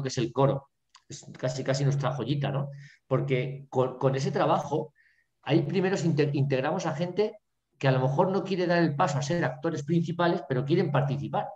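A man's voice: fairly high pitch, mellow. A man, a drama teacher giving a lecture over a video call, who keeps checking in with his listeners with little tags and fillers. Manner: filler-heavy, constantly checking in with "¿vale?" and "¿no?". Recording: echoey room, dull lo-fi video call.

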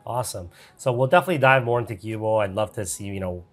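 A man's voice: on the low side, fast, soft background music. A man in his thirties hosting a casual interview over a headset on a video call. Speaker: podcast host. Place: home studio room.

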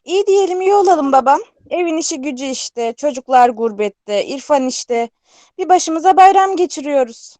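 A woman's voice: high voice, animated, normal speed, mellow. A woman playing a motherly, sighing aunt in a radio drama, with folksy, doting speech. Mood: sighing, concerned. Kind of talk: Turkish radio theatre acting.

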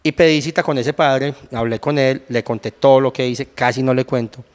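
This guest, a young man from Colombia with a Paisa accent, recounts his testimony conversationally, bringing the story to life by voicing what he once said. His voice is mid-range at normal speed, and the room sounds large.

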